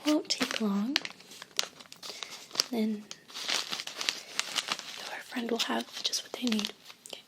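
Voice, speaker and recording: Playing a herb shop clerk for ASMR, a woman gently whispers in a breathy voice on the high side, close to a binaural microphone. The recording is very noisy, with crinkling and rustling paper in the background. Her patter is unhurried and attentive.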